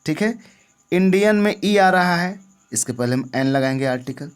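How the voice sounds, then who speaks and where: A man's voice: on the high side, lively intonation, normal speed, clean tone. A man teaching an English grammar lesson, often asking the viewer questions and checking that they understand. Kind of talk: classroom-style lesson.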